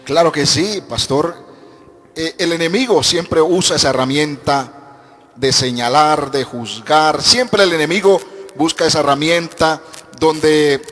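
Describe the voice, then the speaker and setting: A male pastor speaks in a slow, deliberate, affirming way. His voice sits somewhat high. A long reverb from the hall follows his words. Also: a bit bright, faint music behind. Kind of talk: sermon remarks. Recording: echoey hall.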